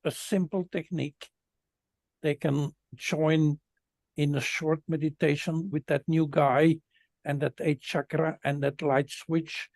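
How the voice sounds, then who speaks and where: Halting, slow, creaky-voiced man. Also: fairly high pitch, little pitch movement, a little mellow, no echo. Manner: halting, repeats words while searching for phrasing. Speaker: spiritual guest speaker. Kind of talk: unscripted spiritual talk.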